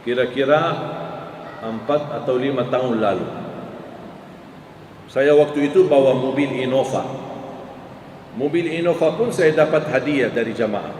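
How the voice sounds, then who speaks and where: Animated man preaching in an echoing hall. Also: far from the mic. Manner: storytelling, pitch rising sharply for emphasis. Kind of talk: sermon. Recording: echoey hall with faint ambient noise.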